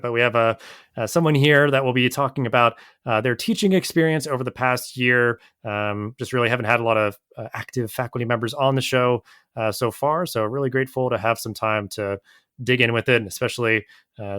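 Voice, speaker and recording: A man hosting a podcast interview in a relaxed, casual way, with lots of filler words. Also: medium pitch, no room sound, studio quality. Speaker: podcast host.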